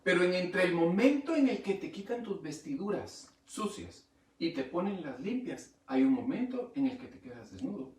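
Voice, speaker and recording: A man pastor preaching a sermon, swinging from quiet asides to loud emphatic rises. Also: sits high, sing-song, normal speed, reverberant, far from the mic. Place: church.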